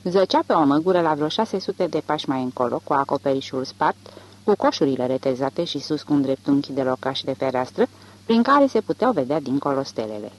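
An audiobook narrator reads literary fiction in a measured, even-paced delivery. The pitch sits mid-range but swings widely from phrase to phrase, which gives the telling a lively lilt. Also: poor audio.

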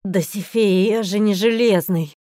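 A stern male dragon, gruff and worn out, speaks in short, low, grumbling lines, as a woman reading an audiobook puts him on. The voice is mellow and soft-edged, recorded close and dry with no room around it. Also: a little slow, no room sound, lightly acted. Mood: weary. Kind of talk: audiobook character voice.

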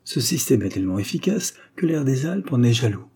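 A man voicing a calm, wry young male chemist who explains things dryly. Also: medium pitch, a little fast, breathy edge, voice pushed up. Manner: dry, ironic explanations.

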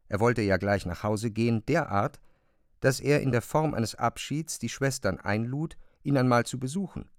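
A man narrates a literary radio play in a middle-pitched voice, using scripted storytelling phrasing. The recording is dry and close, with no echo.

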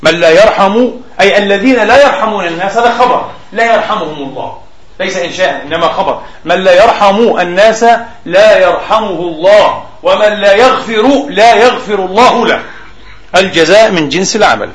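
A man delivering a sermon, stretching out quoted texts slowly and pausing to explain words. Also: high-pitched, echoey room, a crowd in the background, rough recording. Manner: slow emphatic recitation of quotes, explanatory asides. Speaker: preacher. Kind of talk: Friday sermon.

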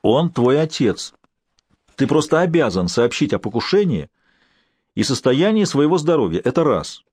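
A male narrator voicing a brisk, cheerfully scolding professor and doctor in an audiobook. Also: medium pitch, big pitch swings, darkish tone, slightly rough, dry recording, voice pushed up.

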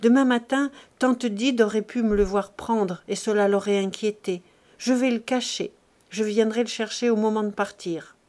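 A woman's voice: medium pitch, steady tone, normal speed, a little mellow, natural voice. Audiobook reader woman doing an earnest young male rebel in her own voice, emphatic.

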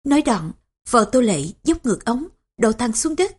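A woman narrating an audiobook in a steady, measured storytelling voice. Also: fairly high pitch, slightly rough.

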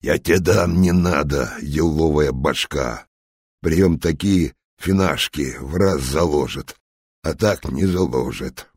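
A man voicing a rough, threatening male street-gang leader in an audiobook. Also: rumbling low, slow pace, no room sound, studio quality, heavily acted. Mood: menacing. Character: menacing bearded male street thug leader.

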